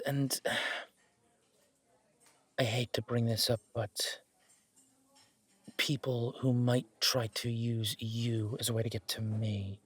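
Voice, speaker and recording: Voicing a wry, earnest, protective mafia boss out on a first date, a man delivers a romantic audio roleplay. He speaks intimately and deliberately in a mid-range voice with a breathy edge.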